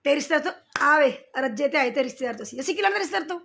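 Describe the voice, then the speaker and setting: A woman's voice: high voice, lively intonation, rapid-fire, a bit bright. A middle-aged woman, ranting straight at the camera, scolding and confrontational, repeating her points. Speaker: vlogger replying to roasters. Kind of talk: heated direct-to-camera rant.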